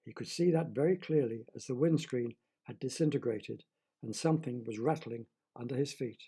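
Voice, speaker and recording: A man narrating a story in a lively, dramatic manner. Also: mid-range voice, normal speed, husky.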